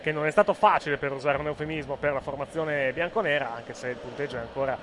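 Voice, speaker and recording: A man's voice: on the high side, noisy background. A man hosting casual football commentary, rambling and apologizing as he goes. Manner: rambling, halting, full of restarts and apologies. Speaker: host commenting a live match stream.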